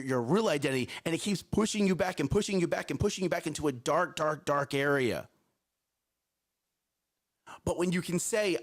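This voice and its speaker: Here a high-pitched male co-host on a live morning talk show projects a strong, carrying voice. He keeps the energy up, repeating words and checking in again and again with "right?" and "okay?".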